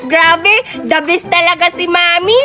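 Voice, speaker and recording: A woman doing a squealing excited little girl. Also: extremely high pitch, unhurried. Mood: delighted. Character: giddy little girl with new dolls. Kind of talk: comic skit acting.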